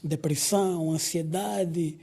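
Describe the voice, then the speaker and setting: A man, a psychologist co-hosting a casual podcast, who speaks in a measured way. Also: a little high, steady tone, gravelly, slightly rough. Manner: measured, with soft affirming murmurs. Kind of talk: casual conversation.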